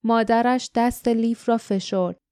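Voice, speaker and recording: A woman narrating an audiobook with steady storytelling. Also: fairly high pitch, clear, resonant tone, no room sound, studio quality. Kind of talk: scripted narration.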